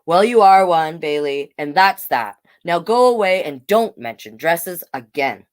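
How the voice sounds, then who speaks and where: A woman's voice: lowish voice, lively intonation, measured pace. A woman voicing a stern, dismissive parent, curt and impatient, in a children's storybook read-aloud.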